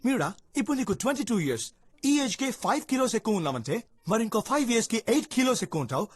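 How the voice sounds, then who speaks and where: Sarcastic young man, Telugu accent, husky, animated, faint music behind. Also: very high voice, no room sound, heavily acted. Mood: mocking. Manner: mocking, sarcastic, fast-talking. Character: rude teasing young man mocking his date. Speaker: film character on a date.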